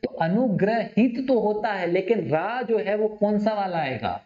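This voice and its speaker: A man teaching a Hindi spelling class, asking his students questions and repeating words slowly. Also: high-pitched, expressive, a little mellow. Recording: dull, echoey classroom recording.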